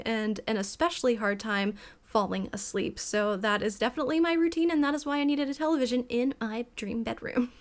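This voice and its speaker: This is chatty, casual build commentary from a young female gaming creator with a fairly high voice. She sounds wired and excitable, hopping between thoughts and frequently giggling mid-stream.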